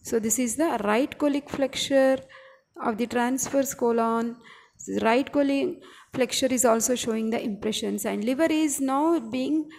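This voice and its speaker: A woman's voice: on the high side, fairly even intonation, normal speed, creaky, a little mellow, slight background noise. A woman teaching anatomy in a screen-recorded lecture, explaining each point and checking in with "okay" and "isn't it". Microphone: screen-recorder microphone.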